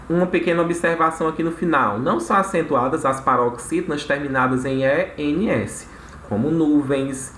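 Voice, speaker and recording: In a recorded grammar lesson, a man with a medium-pitched, fairly bright voice explains things step by step, often checking in with tag questions. The room is echoey with faint background noise.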